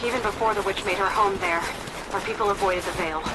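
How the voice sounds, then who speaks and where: A woman's voice: mid-range voice, steady tone, quick pace, lightly acted. Actress for cautious woman guide, earnest tone, heavy ambience. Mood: cautioning. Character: wary woman guide of a hidden people. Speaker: game character, local guide on radio. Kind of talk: radio guidance. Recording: loud noisy game ambience.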